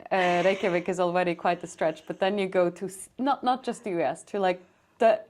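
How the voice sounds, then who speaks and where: A woman's voice: fairly low pitch, fairly even intonation, fairly quick, darkish tone, a little hiss or hum. A woman hosting a podcast, chatting playfully and joking with her guest. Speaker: podcast host. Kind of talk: casual interview chat.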